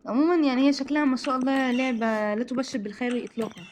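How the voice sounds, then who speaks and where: An excitable woman with an Egyptian accent plays a horror game and talks through every scare. Her voice sits high and her words tumble out very fast. She sounds jumpy and breathless with nerves. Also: a little hiss or hum. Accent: Egyptian Arabic. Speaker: gaming channel host. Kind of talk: horror game let's-play commentary.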